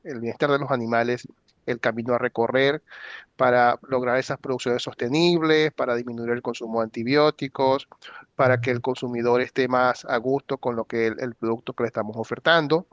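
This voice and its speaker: Webinar moderator, male, halting and measured, muffled dry call sound. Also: mid-range voice, steady tone, dry recording. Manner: measured, hesitant, with repeated words. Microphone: video call. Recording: dull, dry video-call audio.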